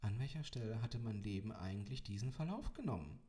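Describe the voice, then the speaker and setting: A man's voice: fairly low pitch, animated, fairly quick, warm tone. A man in his twenties narrating an audiobook in the first person, with dry, wry delivery. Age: 20s.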